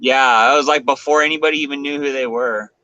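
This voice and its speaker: Bright-voiced laid-back man in his forties. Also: mid-range voice, steady tone, quick pace, no room sound, highs cut off. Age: 40s. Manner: laid-back, says "man" and "you know". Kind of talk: casual chat.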